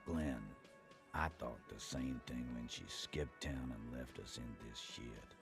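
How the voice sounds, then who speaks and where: Brief: a weary union boss in a detective game; extremely low, gravelly, curt. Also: male voice, takes it slowly, soft background music, full character voice. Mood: guarded. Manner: curt, guarded replies. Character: gruff middle-aged male union boss, guarded and weary.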